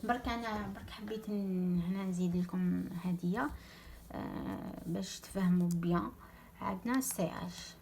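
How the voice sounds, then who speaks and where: A young woman with an Algerian Arabic accent teaching a German lesson, repeating example words slowly and dropping French words into her explanations. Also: mid-range voice, vocal fry, a little mellow, a little hiss or hum. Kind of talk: online language lesson.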